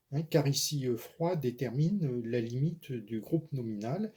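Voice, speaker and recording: A man giving a measured spoken lesson on poetry, pausing often with hesitation fillers. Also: a little high, dark tone. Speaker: poetry lecturer and author-declaimer.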